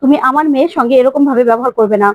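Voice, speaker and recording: A woman voicing a father who calmly reproaches his wife. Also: sits high, racing, dry recording, phone-quality sound. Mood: reproachful. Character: young man's father, calm and reproachful.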